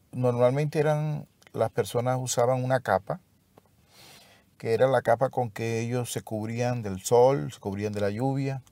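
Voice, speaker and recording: Gravelly low-voiced man teaching scripture. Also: a little mellow, no room sound. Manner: slow, reflective, with pauses and restarts. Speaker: Bible teacher. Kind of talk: devotional Bible lesson.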